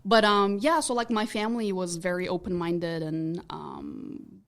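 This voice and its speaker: A woman's voice: lowish voice, measured pace, gravelly, fairly bright tone. A woman in her thirties from Turkey with a Turkish accent, a podcast guest in casual chat who rambles and circles back to restate her points.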